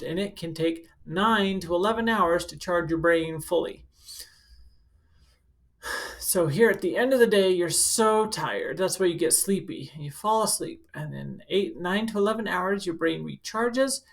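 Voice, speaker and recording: A school counselor reads a picture book to a group of children in a fairly low, creaky voice. Along the way she offers relaxed, instructive explanations using simple words for young kids.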